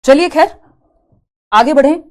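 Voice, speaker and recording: Woman teacher, fairly high voice, rhetorical questions, dictating notes. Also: a little slow. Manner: explains with rhetorical questions and tag questions; mixes English terms into her explanations and dictates notes. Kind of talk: exam-prep lecture.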